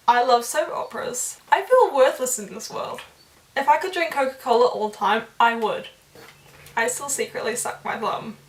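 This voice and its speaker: High-voiced young woman vlogger, fast. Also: a bit bright. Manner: fast-talking, giggly. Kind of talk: reading viewer confessions to camera. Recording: roomy sound, distant from the mic.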